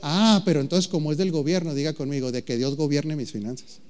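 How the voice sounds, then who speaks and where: Pastor guy, higher voice, preaching slow and punchy, cracking jokes and quizzing the crowd. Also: darkish tone, clean tone. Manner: playful, jokes with the congregation, calls out questions; slow emphatic preaching delivery. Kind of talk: sermon.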